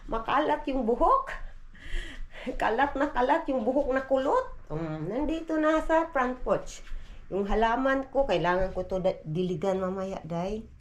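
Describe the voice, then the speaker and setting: A woman, a mother, chatting casually to her vlog viewers at home and mixing in English words. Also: sits high. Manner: chatty, mixes Tagalog with English, often says "day". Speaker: vlogger and mother. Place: home, porch and yard outdoors.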